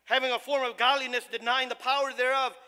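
A male pastor who grew up in the United States, preaching a sermon with impassioned, shouted emphasis and frequent stumbles. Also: extremely high pitch, little pitch movement, fast talker, clean tone. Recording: long reverb of a large hall.

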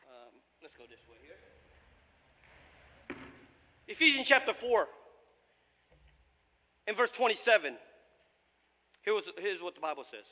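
Male pastor, very high voice, fiery sermon, shouting emphasis, stumbling fillers, long hall reverb. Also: big pitch swings, a little slow, long pauses. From United States. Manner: impassioned preaching with shouted emphasis and frequent stumbles.

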